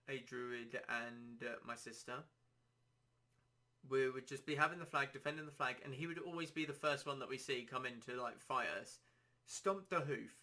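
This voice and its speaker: A man hosting a casual solo podcast, rambling and self-deprecating, his throat a little dry and hoarse. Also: mid-range voice, sharp tone. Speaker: podcast host.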